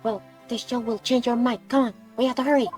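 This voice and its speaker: A woman voicing an excitable young female thief who is eager, pushy and high-spirited, reading lines from a video game. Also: fast, faint music behind, lightly acted.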